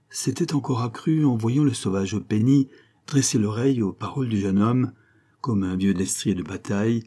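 Husky, dark-voiced male narrator. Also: lowish voice. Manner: measured, literary storytelling. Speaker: audiobook narrator. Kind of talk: scripted narration.

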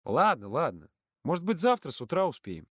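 A man voicing a stern, dutiful young woman camp counselor who scolds and then turns shrill with outrage in an audiobook. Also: big pitch swings, fairly quick, slightly rough, no room sound, clean studio sound. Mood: reproachful. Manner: reproachful, rising to shrill outrage.

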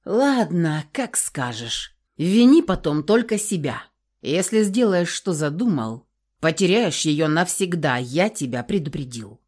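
A woman reading an audiobook, voicing a cautious male assistant who calmly reasons and warns. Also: low voice, unhurried, exaggerated voice. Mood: warning. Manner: calm, reasoning, warning. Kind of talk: audiobook character voice.

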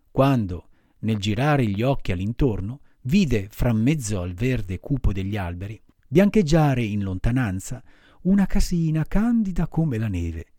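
A man's voice: medium pitch, mellow, dry recording, studio quality. A man reading a classic children's story aloud with dramatic, varied delivery. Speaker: audiobook reader. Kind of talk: expressive storybook narration.

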